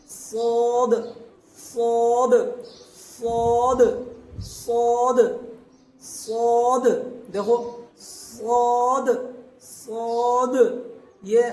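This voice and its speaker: High-voiced man teaching letter sounds. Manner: slow drawn-out letter demonstrations between quick explanations; checks in with the listener often. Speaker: Quran recitation teacher. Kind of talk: pronunciation lesson. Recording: echoey room, faint background noise.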